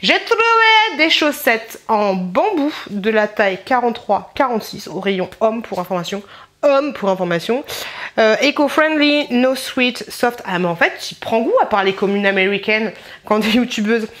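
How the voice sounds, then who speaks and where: A woman's voice: medium pitch, animated, moderate pace, fairly bright tone. A young woman chatting casually in a rambling home haul vlog, talking straight to her viewers. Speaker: beauty vlogger.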